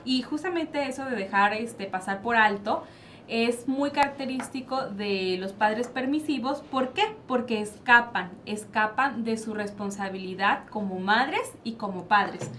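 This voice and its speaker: Mexican woman, psychologist guest, explains patiently, rhetorical questions, slightly high voice, faint hiss. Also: unhurried, a bit bright. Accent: Mexican Spanish. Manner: explanatory, asks and answers her own questions. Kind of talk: panel discussion. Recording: faint background noise.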